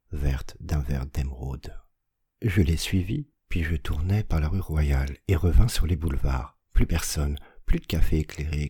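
A man reading a classic story aloud as an audiobook narrator, in a measured, dramatic style that slows on images and swells at tense moments. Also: a bass voice, warm tone, breathy edge, dry recording, clean studio sound. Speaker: audiobook reader.

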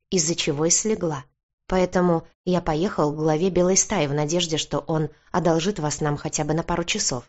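Woman voicing a composed man, low and measured, reassuring, dull lo-fi audiobook audio. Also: a little mellow. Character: calm, composed adult man. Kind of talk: audiobook character voice.

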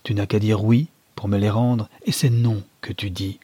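A man's voice: on the low side, steady tone, normal speed, warm tone, slightly rough, dry recording. A man voicing a self-pitying aging mother who reproaches her daughter in a plaintive, pleading way, in a novel read aloud. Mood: reproachful.

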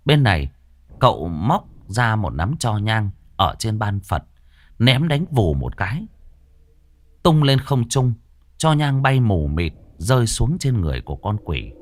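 A man narrating a ghost story with dramatic, expressive delivery. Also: lowish voice, a little slow, dry recording.

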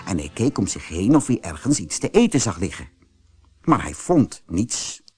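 A man with a medium-pitched, slightly breathy voice narrates a children's fairy tale audiobook. He performs the script as an expressive storyteller.

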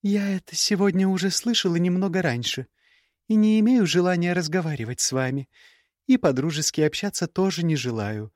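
A man reading an audiobook voices a sharp-tongued, sarcastic young woman mage in a high, mocking tone. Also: a little fast, dry recording, studio quality, natural voice. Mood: scornful. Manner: cutting, mocking, icy sarcasm. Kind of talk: audiobook character voice.

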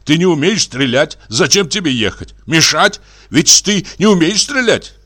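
Male reader as a firm, reproachful brother; lifted, lively pitch. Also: normal speed, heavily acted. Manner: scolding, firm. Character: stern offended older brother, man.

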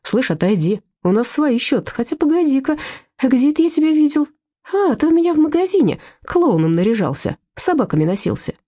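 A woman reading an audiobook voices a drunk, aggressive man who threatens and shouts. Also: high-pitched, very animated, fairly quick, voice pushed up. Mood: mocking.

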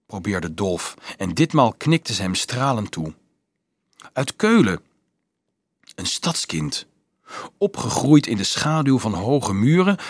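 A man reading a novel aloud as an audiobook narrator, expressive and shifting his voice for the characters. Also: medium pitch, slightly rough, dry recording.

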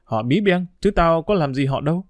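A man reading a storybook aloud and voicing a cheeky, excitable street boy in a raised, exclaiming voice. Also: normal speed, no echo, clean studio sound, natural voice. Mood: indignant. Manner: exclaiming, brash, high-pitched.

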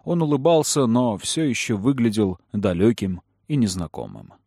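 A man narrating a story in the first person in a calm, even manner. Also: lowish voice, moderate pace, creaky, breathy edge, no echo, studio quality. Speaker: audiobook narrator.

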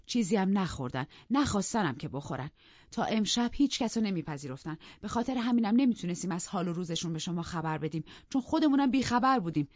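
A woman's voice: medium pitch, expressive, darkish tone, no room sound, highs cut off, voice pushed up, lightly acted. A woman voicing a blunt, defensive housekeeper in an audiobook, indignant and pleading. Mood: explaining.

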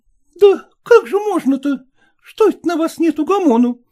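A man voicing a sly, coaxing housekeeper woman in a chattering falsetto for an audiobook. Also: animated, normal speed, warm tone. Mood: scolding. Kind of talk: audiobook character voice.

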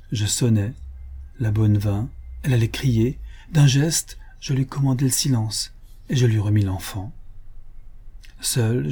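Husky, warm-voiced male audiobook narrator. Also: on the low side. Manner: solemn, measured reading.

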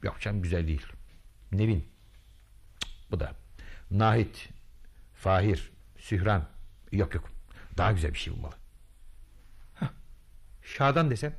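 A pompous, boastful self-made hero. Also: male voice, deep voice, lively intonation, a little slow, vocal fry, long pauses, slightly rough, full character voice. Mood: musing. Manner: grandiose, theatrical, muttering to himself. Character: boastful self-styled male freedom hero, pompous, vain. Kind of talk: radio drama acting.

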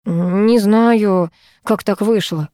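A woman's voice: mid-range voice, very slow, dark tone, dry recording, studio quality. A woman reading an audiobook, voicing a meek, guilty young man who mumbles his apologies.

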